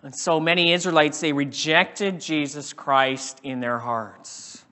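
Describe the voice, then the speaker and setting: Male preacher, sermon, dramatic delivery; bright tone, echoing hall. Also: on the high side, fairly even intonation, slow pace. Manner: dramatic, acts out quoted speakers.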